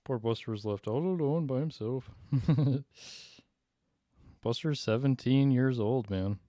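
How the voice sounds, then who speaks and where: A man talking casually to viewers on a livestream, laughing often and cooing softly at his dog. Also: mid-range voice, a little slow, no room sound, studio quality. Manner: laughs often, talks to his dog in a soft coaxing baby voice.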